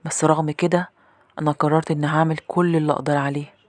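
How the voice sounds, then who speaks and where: Woman, Egyptian accent, horror story narration, low voice, quick pace, dry close sound. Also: little pitch movement, darkish tone, no echo. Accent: Egyptian Arabic. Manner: tense, confiding, brisk storytelling.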